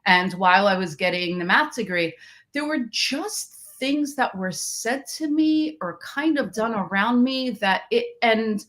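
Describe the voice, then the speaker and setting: On the high side and expressive, this woman's voice moves at a measured pace with a slightly bright quality. She's from Queens, New York, and researches math education, and as a podcast interview guest she tells her story reflectively, frequently restarting sentences.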